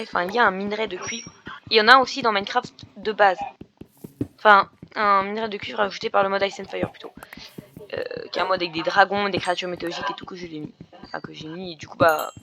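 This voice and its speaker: A young woman, a gaming YouTuber, chats her way through a Minecraft let's play, explaining as she goes with plenty of fillers and restarts. Her voice sits in the mid range, and the background is noisy.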